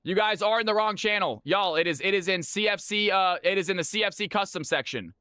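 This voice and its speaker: A man's voice: high voice, fairly quick, sharp tone, clear, resonant tone, no room sound, studio quality. A man hosting a livestream of community games, chatting informally with viewers and often repeating his phrases. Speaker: livestream host running community custom games. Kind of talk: livestream chat and game-lobby announcing.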